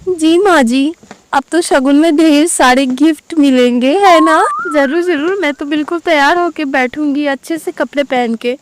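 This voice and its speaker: A woman's voice: high-pitched, normal speed, a little hiss or hum, lightly acted. A woman voicing a cheeky young daughter-in-law in a cartoon story, who teases people and laughs at the wrong moments. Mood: teasing.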